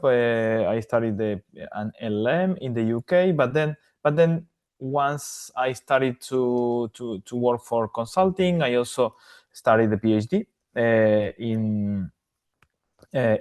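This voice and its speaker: Halting man from Argentina, mid pitch. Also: lively intonation, a little mellow. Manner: halting, many repeated words and restarts. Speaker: podcast guest, AI governance consultant. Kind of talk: casual interview answers.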